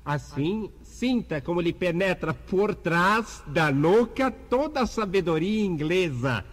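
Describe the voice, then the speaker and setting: A man's voice: sits high, animated, takes it slowly, big-room sound, exaggerated voice. A man playing a pompous mock English teacher. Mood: lecturing. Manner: grandiose, lecturing. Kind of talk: 1980s radio comedy sketch.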